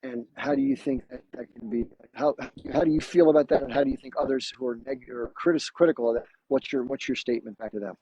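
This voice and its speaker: Fast-talking husky man, muffled lo-fi audio. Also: medium pitch, lively intonation, mellow, dry recording. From United States. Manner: rambling, restarts questions. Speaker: live-stream host. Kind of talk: casual live-stream conversation.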